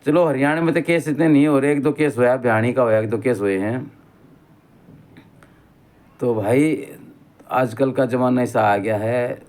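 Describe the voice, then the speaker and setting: A man's voice: medium pitch, unhurried, long pauses, darkish tone. A middle-aged man with a rustic Haryanvi accent talks straight to his viewers in a loose, unscripted monologue. He rambles from one story to the next and keeps calling his listener brother as he goes. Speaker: vlogger. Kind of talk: casual spoken monologue.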